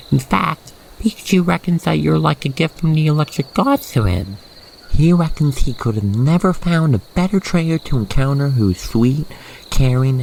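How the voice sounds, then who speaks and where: A narrator with a medium-pitched, vocal-fry voice guides the listener through a scripted ASMR roleplay, soothing and playful in her storytelling. The rough recording carries faint noise and the chirping of crickets in a night insect ambience.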